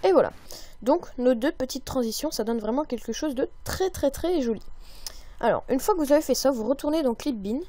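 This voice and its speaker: Woman, mellow slightly high voice, chatty tutorial narrator, upbeat. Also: lively intonation, fairly quick, no room sound. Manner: chatty, many fillers, upbeat. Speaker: tutorial maker. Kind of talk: screen-recorded software tutorial.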